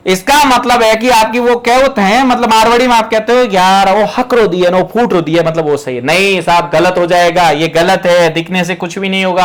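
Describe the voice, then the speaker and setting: A man with a high, light voice gives an exam prep lecture from Rajasthan. He drills each rule again and again and talks directly to his students, step by step. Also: fairly bright tone. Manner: emphatic, repetitive drilling of rules. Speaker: teacher.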